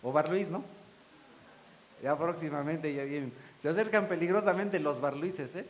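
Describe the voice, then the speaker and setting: A man's voice: fairly high pitch, moderate pace, low-quality recording. A man preaching a sermon in church, folksy, joking with the congregation and acting out the voices he quotes. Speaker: pastor.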